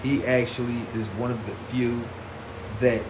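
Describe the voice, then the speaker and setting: A man hosts a casual vlog reviewing battle rap artists, using informal slang and emphatic repetition. His medium-pitched voice stays fairly even and runs a little slow, and the recording has a roomy echo with clear background noise.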